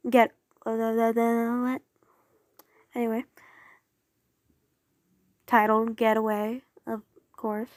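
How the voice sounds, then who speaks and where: A woman's voice: a little high, no room sound. A woman casually reading fan fiction aloud, often stumbling over words and apologizing. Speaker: audio story reader.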